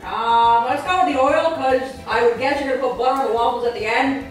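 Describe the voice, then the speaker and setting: A woman's voice: sits high, fairly quick. A woman off camera making wry, teasing remarks to the cook in a casual comic bit. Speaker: co-host off camera. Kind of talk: teasing banter. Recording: echoey room from far off, faint music.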